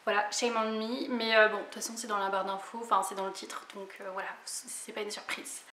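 A woman's voice: medium pitch, level tone, fairly quick, sharp tone, reverberant, a little hiss or hum. A woman in her twenties chatting casually about her books as a vlogger, hesitant with many fillers and laughing at herself. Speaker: book vlogger. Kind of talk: casual book haul chat.

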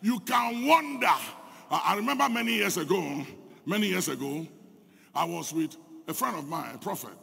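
Gravelly Ghanaian pastor preaching fervently. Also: male voice, high-pitched, animated, moderate pace. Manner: fervent preaching that swells into shouts. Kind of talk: sermon. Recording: echoey church hall.

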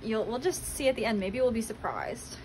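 A college freshman in her late teens vlogs casually from a small dorm room, chatting in a colloquial sorority-girl style full of "like." Her voice is fairly high and a little mellow, swinging widely in pitch at a brisk pace. She holds the phone at arm's length, and the handheld recording is noisy.

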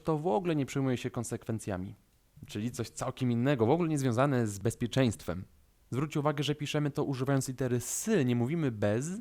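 A man with a Polish accent teaching a language lesson, calm and methodical, slowing down to stress key words. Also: medium pitch.

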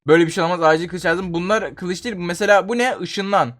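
A young Turkish man commenting on his own Roblox gameplay as a channel host. He switches between chatty running commentary and loud panicked yelling. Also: high voice, fast. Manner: jumps into loud panicked yelling when dying.

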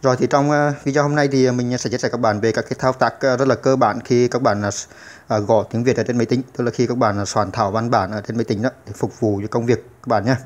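Brief: male tutor, rapid delivery, halting with fillers, patient repeats, beginner computer lesson. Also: mid-range voice, steady tone. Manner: hesitant, many filler sounds and restarts. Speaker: channel host teaching computer basics.

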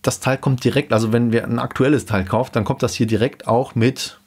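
A man in his thirties explaining gear in a casual home-studio vlog, relaxed with many fillers, into a dynamic studio mic. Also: mid-range voice, brisk, slightly rough. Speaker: YouTube host explaining car audio gear. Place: small home studio room indoors. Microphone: dynamic studio mic in front of him.

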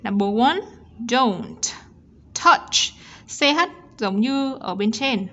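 A Vietnamese woman with a Vietnamese accent, teaching English pronunciation to children slowly and step by step, often checking with "ok". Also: fairly high pitch. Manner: slow, explains sounds step by step, often asks ok.

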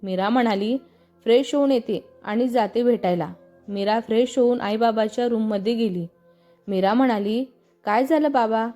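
A woman reading a family story aloud, giving the narration and every character's lines in the same even storytelling voice. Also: on the high side, normal speed, faint music behind.

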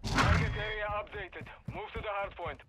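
A man's voice: sits high, sing-song, normal speed, heavy background noise. A man playing a terse military announcer in a shooter game, giving scripted orders. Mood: terse, commanding. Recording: faint under gunfire and chatter.

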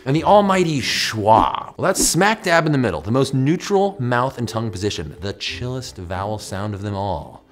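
An American man in his forties presenting a scripted but conversational educational explainer in an emphatic, animated way. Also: mid-range voice, normal speed, few pauses. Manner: animated, emphatic, demonstrating mouth sounds. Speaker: host of an educational science show. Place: small furnished indoor studio with bookshelf.

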